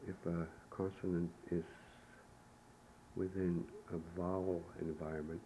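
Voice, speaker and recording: A man teaching pronunciation on an old tape recording, speaking in a slow, measured way and repeating words for the listener to echo. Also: deep voice, little pitch movement, warm tone, a little hiss or hum. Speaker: language teacher.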